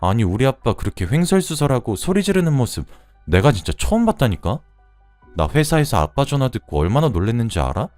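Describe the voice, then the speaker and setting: A playful young woman keeps pressing her point in this storytelling radio drama, as a male reader puts her on. The voice sits well above a man's usual register and swings around a lot. It sounds close and dry, with soft music faintly underneath. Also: mid-range voice, no echo, pitched above the performer's own voice, lightly acted. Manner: pleading, bubbly, insistent. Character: chatty teasing young woman, the niece.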